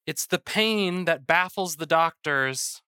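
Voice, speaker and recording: A pastor preaching a sermon at a pulpit microphone in a church, reading scripture and praying in a measured, earnest way. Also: mid-range voice, bright, forceful tone, clear, resonant tone, dry recording, clean studio sound. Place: church sanctuary.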